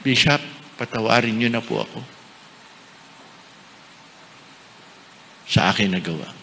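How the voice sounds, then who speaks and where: A touchy young churchgoing woman speaks out to the bishop, as a preacher acts her out in his own voice. The voice is bright and clear, and it echoes in a large hall. Faint noise is heard behind it. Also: mid-range voice, expressive, fast, pitched below the performer's own voice. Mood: remorseful. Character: young woman parishioner, touchy then remorseful.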